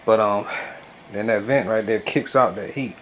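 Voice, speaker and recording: Man, low voice, stuffed-up gauze-packed nose, loose colloquial rambling, noisy home recording. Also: a bit bright. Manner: loose, colloquial, halting with frequent verbal tics. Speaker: vlogger reviewing a product. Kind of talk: casual rambling video review. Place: bedroom at home. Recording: noisy home recording, clear background noise.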